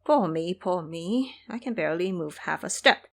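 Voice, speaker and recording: A woman's voice: lowish voice, animated, moderate pace, gravelly. A woman voicing a meek, helpless male monk master with a plaintive manner in an audio drama.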